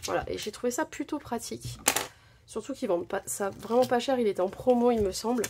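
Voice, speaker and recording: Speaking fairly quickly in a slightly high, dark-toned voice, this woman runs through a craft haul from her home desk. She's chatty and informal, full of fillers and self-corrections, and there's slight background noise.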